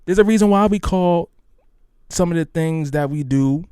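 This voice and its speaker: A man's voice: a little high, moderate pace, dark tone, smooth, dry recording, clean studio sound. Rambling man hosting a podcast. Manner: rambling, hyped, many restarts. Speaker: podcast host. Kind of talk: casual solo podcast talk.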